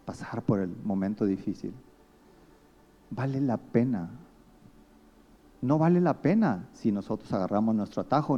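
A man's voice: fairly low pitch, dark tone, highs cut off. A man with a Mexican accent preaching a sermon as pastor, telling stories and acting out the people he quotes. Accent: Mexican Spanish.

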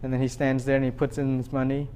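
A man in his thirties preaching a sermon, swinging between loud excitement and quiet reflection. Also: medium pitch, fast, smooth. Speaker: pastor.

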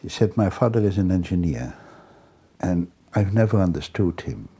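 Older man, deep and husky, reflective storyteller. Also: lively intonation, dark tone. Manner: reflective, halting with restarts. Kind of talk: recounting stories, interview.

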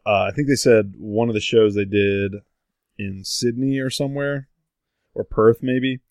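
A man's voice: on the low side, measured pace, creaky, darkish tone, no echo, clean studio sound. A man chatting casually, telling a story in a rambling way with many fillers. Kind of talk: casual chat.

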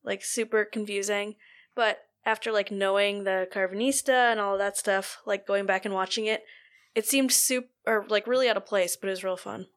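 A woman's voice: medium pitch, steady tone, normal speed, fairly bright tone. Woman with wry quips, podcast chat. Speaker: podcast co-host. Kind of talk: casual chat.

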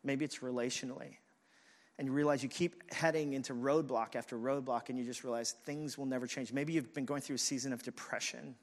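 A man preaching a sermon as pastor, conversational and animated, telling stories and speaking to the congregation. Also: mid-range voice, a little fast. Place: church in a city, siren heard outside.

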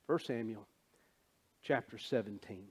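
A man's voice: lowish voice, measured pace, darkish tone, breathy edge. A man preaching a sermon, emotional and tearful, rising to emphatic preaching. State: tearful, sniffling. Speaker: pastor.

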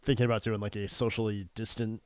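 Congested, stuffy-nosed man with a lowish voice. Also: little pitch movement, fast. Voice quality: congested, stuffy nose from allergies. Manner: informal, swears freely. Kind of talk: casual chat.

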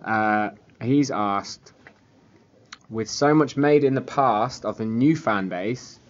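Speaking slowly in a voice on the low side, a Home Counties-accented man from southern England, from Surrey and the Cotswolds, rambles casually as the host of a football fan podcast. The recording sounds slightly dull and lo-fi.

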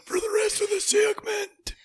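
A man putting on the raspy, strained voice of an old chain smoker, croaking and half-shouting. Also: very high-pitched, completely flat delivery, normal speed, pitched above the performer's own voice. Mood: croaky, joking. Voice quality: gravelly, strained whisper. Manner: croaky rasp that breaks into shouts.

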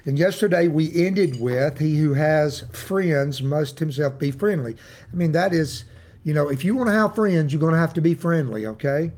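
Appalachian guy doing a casual bible devotional, kinda higher voice, real folksy and plain spoken. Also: moderate pace, darkish tone. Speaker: Bible teacher and church host. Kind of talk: informal devotional talk.

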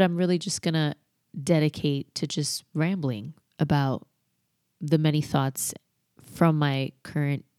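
A woman's voice: deep voice, warm tone, no echo, clean studio sound. A woman hosting a solo podcast, rambling in a candid, reflective way as she thinks aloud. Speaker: podcast host.

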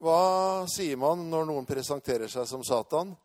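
Fervent storytelling male preacher. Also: on the high side. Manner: storytelling, rising to loud proclamation. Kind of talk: sermon with personal testimony.

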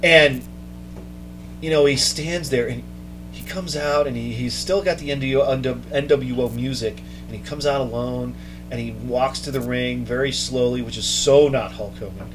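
A man hosting a casual chat, telling a story with mounting excitement. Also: mid-range voice, moderate pace, music in the background, low-quality recording. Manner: excited storytelling, quoting others in raised voice. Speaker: podcast host.

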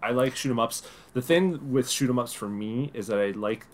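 A man co-hosting a casual podcast, talking in a relaxed, rambling way with frequent restarts. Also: medium pitch, moderate pace, slight background noise. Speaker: podcast co-host.

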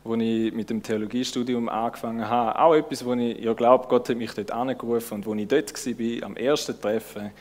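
A man's voice: medium pitch, steady tone, a little fast, hardly any pauses, a little mellow. A man with a Swiss German accent giving a casual, conversational sermon, informal and searching, with many fillers and restarts. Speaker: preacher.

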